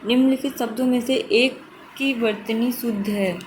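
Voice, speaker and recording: A woman's voice: on the high side, normal speed, slight background noise, rough recording. A woman teacher going through exam questions one by one, repeating each correct form to stress it. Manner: steady explanatory, repeats correct forms for emphasis. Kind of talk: exam question walkthrough lesson.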